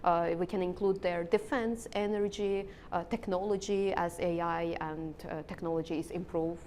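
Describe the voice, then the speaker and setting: A woman with an Azerbaijani accent giving political interview answers, haltingly searching for words as she explains. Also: fairly even intonation, a little mellow. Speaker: interviewed analyst. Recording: rumbling background noise.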